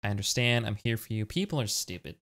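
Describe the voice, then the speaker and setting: A man does casual let's play commentary, reading chat's choices aloud, laughing often and swearing, while keyboard clicks and typing are clearly audible. His voice is on the low side and fairly bright, with lively intonation and a quick pace.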